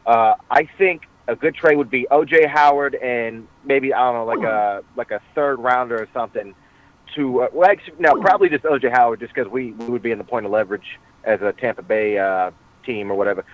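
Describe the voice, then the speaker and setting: A man's voice: medium pitch, brisk, dry recording. A man from Boston calling in to a show over a clipped phone line, talking hesitantly with many filler sounds. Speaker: caller. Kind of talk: call-in chat. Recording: tinny dry phone line.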